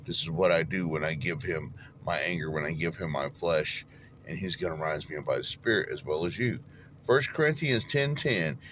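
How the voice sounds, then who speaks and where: A man's voice: low-pitched, a bit bright, a little hiss or hum. A man, telling folksy stories and preaching in a casual devotional talk. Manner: folksy storytelling, laughs at himself, preachy asides.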